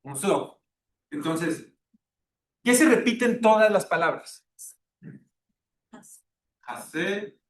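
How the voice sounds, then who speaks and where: A man's voice: lively intonation, extremely slow, long pauses. A man giving a classroom lecture, engaging the class and checking in with tag questions. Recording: echoey classroom with faint rumble.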